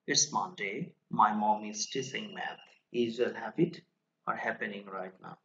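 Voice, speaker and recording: A man teaching English grammar in an online lesson, slowly explaining rules and reading example sentences aloud. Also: lowish voice, bright, forceful tone, highs cut off.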